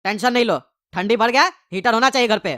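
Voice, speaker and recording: A woman voicing a fast scolding cartoon dad. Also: fairly high pitch, a bit bright, no room sound, clean studio sound, natural voice. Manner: scolding, impatient. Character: exasperated scolding cartoon father.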